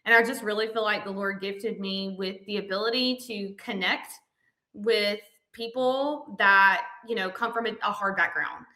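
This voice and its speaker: A woman in her thirties from Alabama with a Southern accent, telling stories as a podcast guest in an animated way, laughing often. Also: mid-range voice, normal speed, reverberant, rough recording. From Montgomery, Alabama. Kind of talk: casual interview chat.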